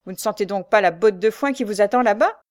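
A woman voicing a rough male archer who sneers and teases loudly, reading a storybook. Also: mid-range voice, quick pace, no echo, clean studio sound, natural voice. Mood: mocking. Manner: sneering, loud teasing.

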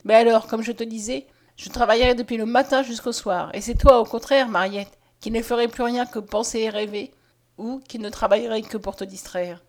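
A woman voicing a gentle, weary young man with weak eyesight who speaks earnestly. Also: on the high side, steady tone, brisk, lightly acted. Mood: hopeful. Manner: earnest, pleading.

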